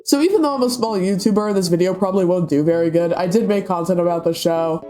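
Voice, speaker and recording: Stuffy-nosed male commentator, high but mellow voice, dry sarcastic rant, faint music underneath. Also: fast. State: stuffy from a cold. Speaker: YouTube commentator.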